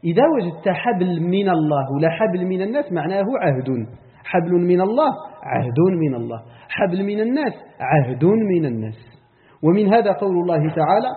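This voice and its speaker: High-voiced Moroccan teacher on a tinny broadcast. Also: male voice, big-room sound. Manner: explains terms step by step, repeats key words, asks the class "clear?". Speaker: Quran commentary teacher. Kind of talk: classroom lecture on Quran vocabulary.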